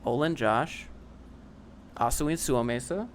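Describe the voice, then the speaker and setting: A young man on a livestream casually reads and answers chat, his humor dry and sarcastic as he rambles. His medium-pitched voice moves slowly, with slight background noise behind it.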